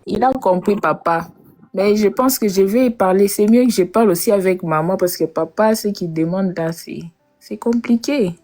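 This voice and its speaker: A woman's voice: mid-range voice, normal speed, dark tone, soft background music. A woman joining a comic live stream as a daughter, speaking politely and deferentially.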